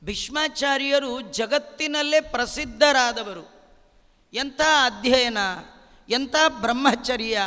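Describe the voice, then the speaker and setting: A man with a very high, bright voice gives a devotional discourse. He speaks slowly and emphatically, pausing on rhetorical questions. A long hall reverb trails each phrase. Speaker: religious teacher.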